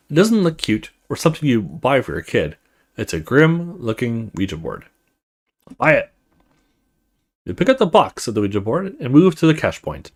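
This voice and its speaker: In this let's play, a man voices a horror story game, his pitch shifting constantly through the telling. He weaves his own relaxed remarks in among the scripted lines.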